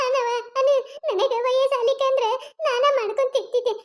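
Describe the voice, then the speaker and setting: A woman voicing a sly, whining elderly mother-in-law in a cartoon comedy, with a North Karnataka Kannada accent and a squeaky cartoon voice. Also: fairly even intonation, fairly quick. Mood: nagging. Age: older.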